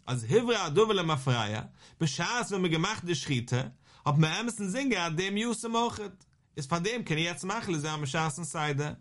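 A man giving a Talmud lesson, reading the source aloud and explaining it line by line, slowing into a sing-song when he quotes a verse. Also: high-pitched, lively intonation, a bit bright. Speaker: Talmud teacher.

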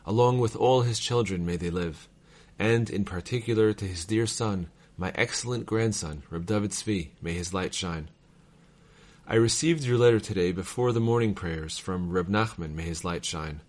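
A man whose voice sits somewhat low reads letters aloud as a devotional reader. He keeps a measured, formal delivery with the even cadence typical of devotional texts.

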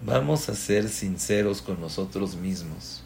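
A man's voice: low-pitched, lively intonation, unhurried, vocal fry, darkish tone, a little hiss or hum. A man, a rabbi giving a Torah class as a sermon, impassioned and asking strings of rhetorical questions.

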